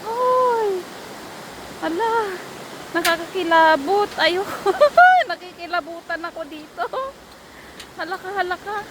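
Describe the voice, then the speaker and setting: Giggly high-voiced woman vlogging outdoors. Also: very noisy. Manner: excitable, giggly, exclaims often. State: nervous and shaky on a bridge. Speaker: travel vlogger. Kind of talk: casual vlog narration. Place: outdoors by a waterfall. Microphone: handheld phone. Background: rushing waterfall.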